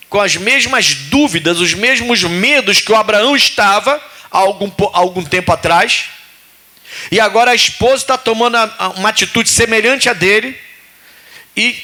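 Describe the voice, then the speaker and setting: A male pastor, preaching a sermon in a lively way and acting out biblical voices. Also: high voice.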